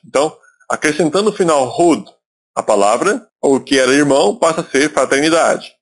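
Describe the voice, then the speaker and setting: A man's voice: on the high side, slightly rough. A man from Brazil teaching English in a recorded video lesson, explaining step by step and repeating words for emphasis.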